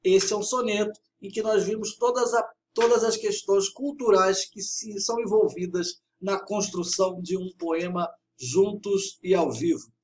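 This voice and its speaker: A man's voice: sits high, measured pace, few pauses, a little hiss or hum. A male literature teacher, giving a video lesson and patiently reading verse lines aloud with emphasis. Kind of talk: video lesson explaining a poem.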